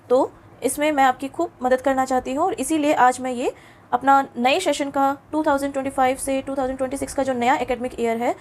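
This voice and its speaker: A woman teacher giving a lesson to schoolchildren, patient and coaxing, often asking them questions, dropping English words into her talk and slowing down to pronounce letters and words clearly. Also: high voice. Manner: mixes English words into Hindi. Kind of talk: classroom lesson for children.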